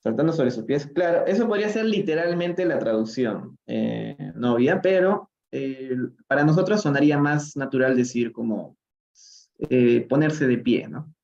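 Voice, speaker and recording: A man from Peru, with an animated, gravelly, slightly mellow mid-range voice, teaches English in a live-streamed reading lesson recorded with dull audio. Speaking slowly, he moves between English and Spanish to explain phrases and keeps checking in with "¿no?".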